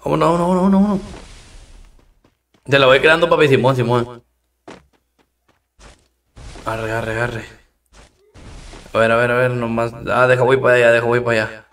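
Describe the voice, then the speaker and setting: A man's voice: medium pitch, moderate pace, long pauses, a bit bright, recorded from a distance. A man with a Mexican accent, streaming a game live, chatting in slang and thanking viewers between rounds.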